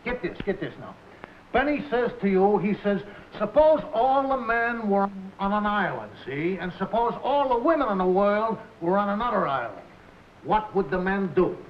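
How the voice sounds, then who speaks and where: A man's voice: high-pitched, lively intonation, moderate pace. An actor playing a pushy, wisecracking male masseur who peddles jokes. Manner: pushy, salesman-like. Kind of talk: 1950s sitcom acting. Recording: noisy muffled 1950s TV soundtrack with studio audience.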